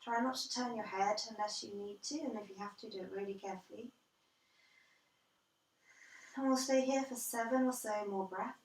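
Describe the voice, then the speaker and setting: A woman guiding a yoga class as instructor, calm and measured, step by step. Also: fairly high pitch. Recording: roomy echo, distant from the mic.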